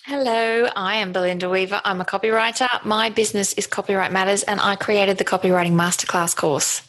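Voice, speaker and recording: A woman's voice: medium pitch, steady tone, a little fast, a bit bright. A woman co-hosting a podcast, chatting casually with dry, teasing humor. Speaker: podcast co-host.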